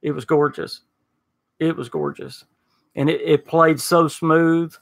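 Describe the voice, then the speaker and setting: A man with an Arkansas accent hosting a casual gaming podcast, excitable and full of fillers. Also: a little high, slow, creaky. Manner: excitable, hesitant with many fillers. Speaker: podcast host.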